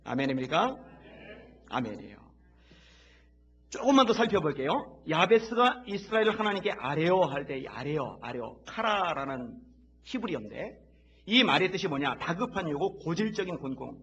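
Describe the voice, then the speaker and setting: A man preaching a sermon as pastor in a church, leading the congregation to repeat after him and rising from quiet talk to loud, impassioned shouts. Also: on the high side, very animated, normal speed, breathy edge, dull audio. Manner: leads the congregation in call-and-repeat. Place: church sanctuary.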